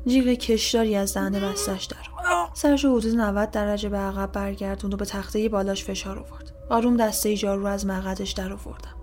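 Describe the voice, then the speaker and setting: Woman narrating horror in hushed tones. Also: medium pitch, steady tone, slight background noise. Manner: hushed, often dropping to a whisper. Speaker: storyteller.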